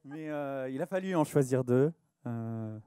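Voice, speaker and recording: A man in a singing duo, chatting casually in quick bursts as he introduces songs at a live show in a library café. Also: mid-range voice, animated, mellow, smooth, dry recording, studio quality. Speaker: singer in a duo. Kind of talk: live stage introductions and chanson duet singing.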